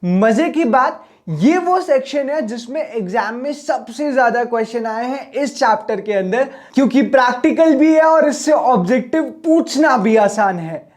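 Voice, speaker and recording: A male teacher giving a recorded exam-prep lesson. He is friendly, calls his viewers brothers and friends, and drags out example words slowly to show their syllables. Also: very high voice, animated.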